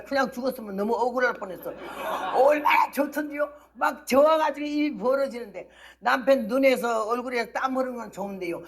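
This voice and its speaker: A missionary woman preaching a vivid testimony. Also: on the high side. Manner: lively storytelling, acting out the people she quotes. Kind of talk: dawn-service testimony sermon.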